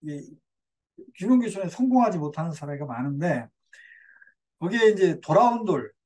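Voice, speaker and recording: A man's voice: high-pitched, sing-song, moderate pace, darkish tone. An older man giving a community lecture in a digressive way, with fillers and self-corrections.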